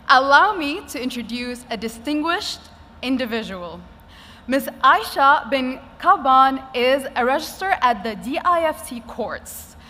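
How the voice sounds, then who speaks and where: A woman's voice: high-pitched, bright, forceful tone. A woman giving a scripted podium speech as event host, with a formal, emphatic announcer delivery. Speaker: event host, master of ceremonies. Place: conference hall stage at an expo. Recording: echoey hall with clear background noise.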